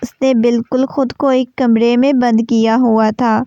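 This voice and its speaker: A woman reading a romance novel aloud in a steady, even storytelling narration. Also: a little high, clear, resonant tone, no room sound. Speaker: novel reader. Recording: dull lo-fi recording.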